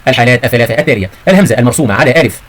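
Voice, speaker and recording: A man's voice: mid-range voice, expressive, rapid-fire, fairly bright tone. A man teaching a grammar lesson to children, calling them his sons and daughters and explaining each point step by step. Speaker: Arabic teacher.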